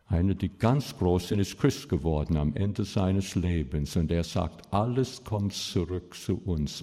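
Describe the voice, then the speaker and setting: A man's voice: sits low, darkish tone, big-room sound. A man preaching a sermon to his congregation. He speaks emphatically, and his voice rises sharply whenever he stresses a point.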